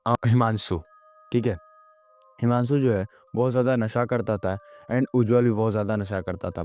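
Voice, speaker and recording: A man's voice: mid-range voice, a little mellow. A man with a Hindi accent casually telling a horror story, rambling with frequent fillers and self-corrections.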